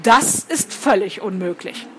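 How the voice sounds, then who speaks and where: A woman's voice: medium pitch, lively intonation, a little slow, fairly bright tone. A woman reading aloud and voicing a menacing, scornful male spirit with a hissing, disdainful manner.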